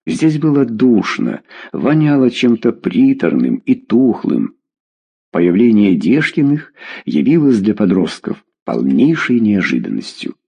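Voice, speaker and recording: A man narrating a story aloud in an expressive, measured manner. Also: on the low side, gravelly, husky. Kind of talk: audiobook narration.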